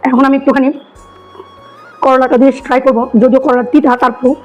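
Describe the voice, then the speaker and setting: A hoarse woman with a cold, chatting enthusiastically as she tastes food for her vlog. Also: high-pitched, little pitch movement, fast, faint music behind, rough recording. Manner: chatty, enthusiastic, repeats herself. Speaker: food vlogger. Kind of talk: casual food-tasting vlog.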